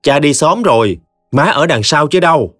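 Brief: male narrator doing a high, nagging sister-in-law with a Southern Vietnamese accent, animated, dry audiobook sound. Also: normal speed, dry recording, faint music behind. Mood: scolding. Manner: scolding, nagging. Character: scolding older sister-in-law, woman.

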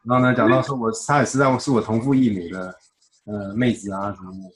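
A man's voice: on the low side, fairly even intonation, fast talker. A man teaching a casual Bible study, chatty, explaining with everyday examples and acting out quoted dialogue.

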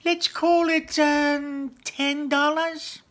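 A man putting on a shrill sly old goblin woman. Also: flat delivery, extremely slow, fairly bright tone, heavily acted. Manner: high sweet wheedling drawl.

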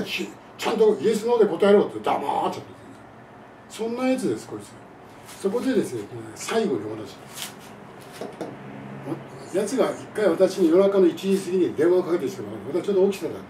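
A man with a high, lively voice that swoops up and down, speaking as an English teacher in an indignant, scornful monologue. His tone is mellow and dark-timbred. He sounds set back from the mic in a reverberant room with faint background noise. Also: brisk, long pauses, far from the mic. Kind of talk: monologue lesson and complaint to camera.

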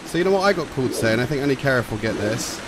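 A man's voice: medium pitch, lively intonation, very fast, background noise. A man casually commenting as he plays a game on a live stream, chatting with and thanking his viewers. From England. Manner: chatty, reads and thanks chat while playing. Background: game music.

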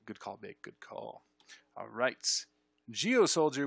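A young man streaming, reading game ability text aloud and reacting with excited bursts in casual commentary. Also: on the low side, no echo. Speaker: streamer reviewing game ship changes.

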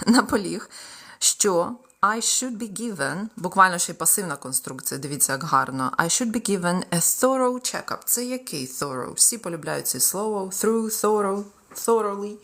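A young woman with a Ukrainian accent leads a live-streamed English exam-prep lesson in her native Ukrainian. Her voice sits a little low. She switches into English to read example sentences slowly and with care. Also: gravelly. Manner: lively, reads example sentences aloud slowly. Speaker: English tutor.

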